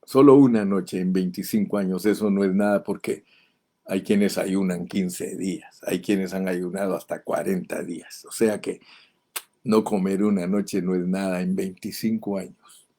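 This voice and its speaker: A man's voice: low voice, steady tone, unhurried, dark tone. A man in his seventies with a Guatemalan Spanish accent, preaching a sermon as a pastor, telling folksy stories and building to impassioned appeals. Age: 70s.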